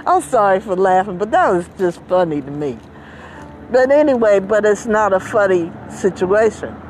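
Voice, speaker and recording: A woman talking casually to viewers in a deliberate, explanatory way, her voice slightly muffled by a face mask. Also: medium pitch, expressive, darkish tone. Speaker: vlogger sharing personal medical experience. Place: outdoors. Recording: outdoor background noise, voice muffled by mask.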